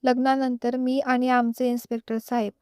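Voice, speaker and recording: Woman voicing a cheerful teasing friend, chatty young woman, storybook figure, smooth voice. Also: sits high, little pitch movement, normal speed, a little mellow, dry recording, studio quality, close to an everyday voice.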